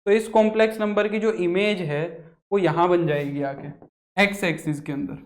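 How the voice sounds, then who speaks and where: High-voiced male maths teacher. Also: steady tone, moderate pace. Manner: repetitive, asks students questions and answers them himself. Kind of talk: classroom lecture at a board.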